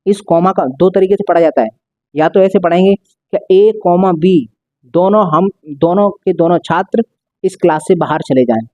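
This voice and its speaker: A man's voice: sits high, mellow, no room sound. A male maths teacher explaining a lesson step by step, repeating and stretching out key words.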